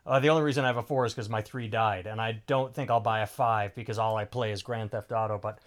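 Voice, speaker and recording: This middle-aged podcast host has a lowish voice and a steady tone, and he talks fast. The chat is casual and rambling, with free swearing and restarted sentences.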